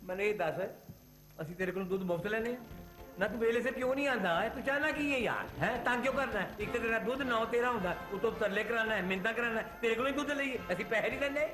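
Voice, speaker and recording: A man's voice: extremely high pitch, rapid-fire, echoey room, music in the background. An actor playing a grumpy, scolding retired father in an old TV drama. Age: older. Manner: grumbling, scolding, sarcastic. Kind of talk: 1980s TV drama acting.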